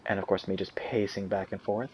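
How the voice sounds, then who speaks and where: A man's voice: low voice, little pitch movement, fairly quick, slight background noise, rough recording. Casual young man rambling over gameplay. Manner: rambling and self-correcting, with dry asides. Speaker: gaming video host. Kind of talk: casual let's-play commentary. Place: indoor room near a window on a windy day.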